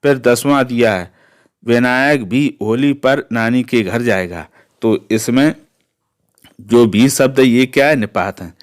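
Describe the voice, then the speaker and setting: A man's voice: mid-range voice, takes it slowly. A man teaching a Hindi grammar lesson, explaining step by step and asking himself rhetorical questions.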